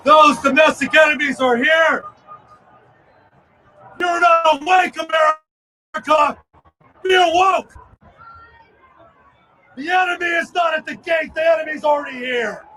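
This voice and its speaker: A man giving an impassioned protest speech at an outdoor rally, shouting slogans in short bursts as a rally speaker. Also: very high-pitched, unhurried, pauses often. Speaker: rally speaker, veterans' group organizer. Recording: distant outdoor recording with crowd noise. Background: crowd and street noise.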